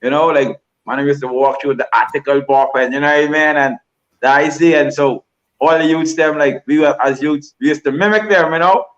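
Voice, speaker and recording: A man's voice: fairly high pitch, steady tone, a little fast, fairly bright tone, dull audio. A Bahamian man giving a livestream interview, rambling and repeating himself with lots of "you know". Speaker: guest.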